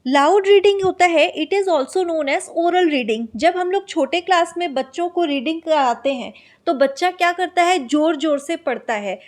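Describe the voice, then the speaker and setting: A woman teacher, explaining exam material in Hindi. She reads out lines from her notes slowly and asks and answers her own questions. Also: extremely high pitch. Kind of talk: exam-prep lecture.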